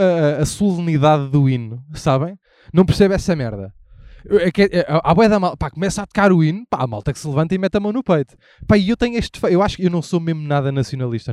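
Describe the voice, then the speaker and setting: Fast, high-voiced irreverent Portuguese man. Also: a little mellow, no echo, clean studio sound. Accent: European Portuguese. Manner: irreverent, swears a lot, rambling with many restarts and asides. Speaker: podcast host. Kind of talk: casual rambling monologue while walking outdoors. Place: outdoors on a city street. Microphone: handheld mic while walking in the street.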